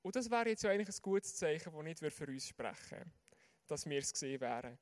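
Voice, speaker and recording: A man's voice: a little high, sing-song, quick pace. A man with a Swiss German accent preaching a sermon, earnest and putting questions straight to his listeners.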